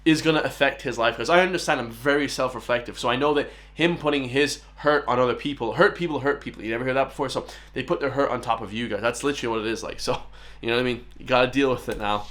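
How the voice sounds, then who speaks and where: Irish man, reaction host, rapid delivery, mid-pitched, emphatic, chatty with viewers. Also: fairly bright tone. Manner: emphatic, keeps addressing viewers as "guys". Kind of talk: casual reaction commentary.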